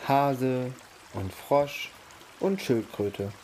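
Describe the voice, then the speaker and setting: A man reading aloud in a storybook voice for a small, gentle mouse who waits for friends, soft and kind. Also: mid-range voice, extremely slow, slight background noise. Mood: content.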